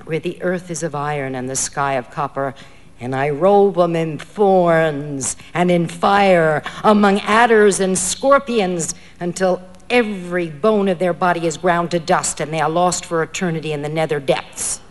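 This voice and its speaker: A woman voicing a booming, menacing demon. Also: unhurried, big-room sound, lightly acted. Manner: hollow, booming, grandly threatening. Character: man posing as a booming demon.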